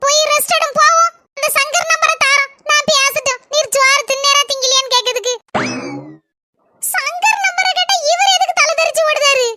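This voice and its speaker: Brief: woman as a sharp-tongued village wife, Kanyakumari Tamil accent, bright, dry, close. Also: very high voice, little pitch movement, fast talker, no echo, exaggerated voice. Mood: quarrelsome. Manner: scolding, bickering.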